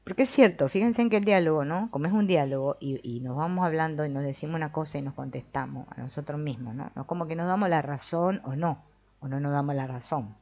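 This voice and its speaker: A woman's voice: sits low, quick pace, dark tone, dull audio. A woman hosting a live-streamed book discussion, talking it through conversationally and often checking in with her listeners. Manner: conversational, keeps checking in with tag questions. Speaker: host of a book reading and discussion.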